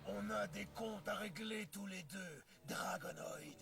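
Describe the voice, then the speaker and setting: A man voicing a proud, combative dragon creature in a French anime dub, gravelly, dramatic and emphatic. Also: high-pitched, slow pace, exaggerated voice. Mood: menacing. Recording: music behind the voice.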